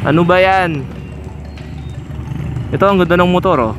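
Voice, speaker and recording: A man's voice: sits high, moderate pace, over music. A man giving casual, instructive commentary while riding a motorcycle on open roads, recorded on a helmet-mounted action camera. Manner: chatty, instructive, points out riders. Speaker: motovlogger. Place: outdoors on a moving motorcycle on a road.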